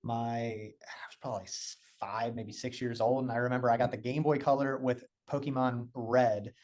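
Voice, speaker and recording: A young man co-hosting a casual podcast chat, animated and saying dude and like a lot. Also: mid-range voice, moderate pace. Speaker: podcast co-host.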